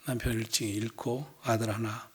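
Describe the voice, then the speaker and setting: Husky middle-aged Korean pastor preaching. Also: male voice, mid-range voice, fairly even intonation, normal speed. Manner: earnest, swings between soft hushed lines and loud emphatic ones. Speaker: senior pastor. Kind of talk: evening church sermon.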